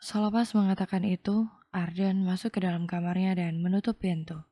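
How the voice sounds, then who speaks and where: A woman tells a romance story aloud in a calm, measured way. Her voice sits low, with a dark, warm tone. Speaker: narrator. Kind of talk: scripted audio novel narration.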